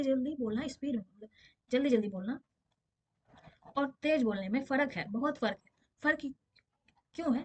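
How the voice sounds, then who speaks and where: A woman teacher talks through exam questions in a relaxed, conversational way. She leans on everyday examples and keeps checking whether things are clear. Her voice sits a little high, and the recording sounds dull and lo-fi. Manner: explains with everyday examples, checks understanding often. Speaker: physics teacher. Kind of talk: casual exam-prep lesson.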